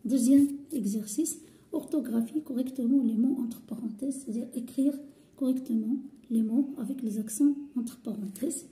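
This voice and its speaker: A woman teaching a French grammar lesson, talking slowly and deliberately, spelling out letters, repeating words and often dropping to a half whisper. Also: fairly high pitch, warm tone. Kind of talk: slow lesson explanation.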